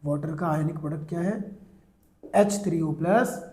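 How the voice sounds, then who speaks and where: A man teaching chemistry in a classroom lecture, asking students questions and answering them himself, calling them "beta," and drawing out English terms slowly. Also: on the high side, dark tone, roomy sound. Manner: mixes English terms into his talk, drawn out slowly.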